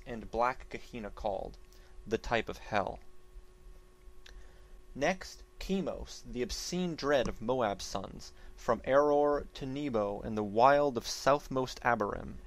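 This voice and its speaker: A man giving a theatrical dramatic reading of archaic epic poetry, declaiming it like a stage actor with solemn, deliberate phrasing that swells and falls. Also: mid-range voice. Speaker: narrator reading an epic poem.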